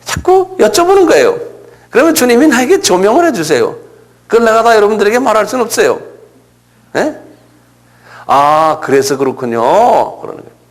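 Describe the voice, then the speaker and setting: Animated older Korean pastor preaching. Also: male voice, very high-pitched, fast talker. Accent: Gyeongsang Korean. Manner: animated preaching, acting out prayers and asking the congregation questions. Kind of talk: sermon.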